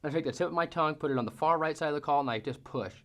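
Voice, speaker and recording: With a fairly high voice, a man races through a casual lesson on hunting calls. His delivery is folksy, and he vocally imitates the sounds he's teaching.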